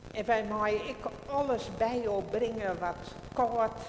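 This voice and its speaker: In an echoey livestream from a big church, a woman pastor speaks liturgy and prayers in a voice on the high side. She stays calm and measured, with long reverb trailing each phrase like a cathedral and room noise in the background.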